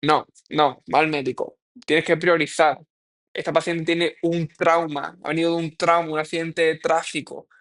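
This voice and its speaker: A young man walks through practice exam questions, reasoning out loud in a slightly high voice. He is candid and informal, scolding himself for mistakes and letting casual curses slip. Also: little pitch movement, moderate pace. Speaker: medical student reviewing a practice exam.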